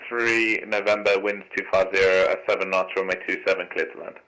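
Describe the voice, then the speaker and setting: A man's voice: low-pitched, steady tone, a little fast, sharp tone, low-quality recording. A man working as an air traffic controller, giving courteous standard instructions over aviation radio.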